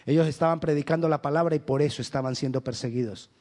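A man preaching a sermon as pastor, emphatic and repetitive, with big swings in pitch and loudness. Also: fast talker.

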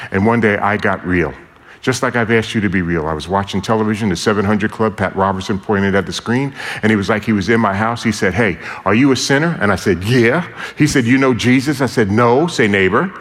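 Older preacher from New York, reverberant hall. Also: male voice, lowish voice. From New York City. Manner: lively, humorous, calls on the congregation to repeat lines. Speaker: preacher giving his testimony. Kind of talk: sermon.

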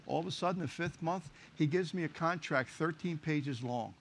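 A man with a high voice preaches a sermon, animated and conversational, slipping into the voices of the people in his stories. He sounds middle-aged. A faint hiss sits underneath. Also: moderate pace. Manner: animated, acts out dialogue in stories. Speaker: pastor. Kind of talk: sermon with storytelling.

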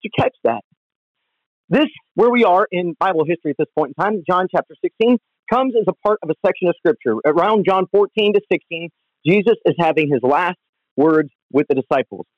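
High-voiced pastor talking over the phone. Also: male voice, lively intonation, brisk, dry recording. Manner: earnest, conversational preaching. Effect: heard over the phone. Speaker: pastor and podcast host. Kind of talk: devotional podcast teaching. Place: at home. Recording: dull lo-fi phone recording, dry.

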